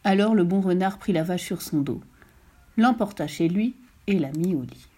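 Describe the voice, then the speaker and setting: A woman reading a bedtime story aloud, her voice lively and full of movement as she goes. She tells it gently and expressively, as a storyteller for children. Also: on the low side, normal speed, husky.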